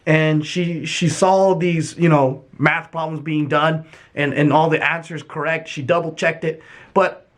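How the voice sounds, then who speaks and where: Profane, animated high-voiced man. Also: unhurried. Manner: candid and profane, animated retelling. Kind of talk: casual storytelling monologue.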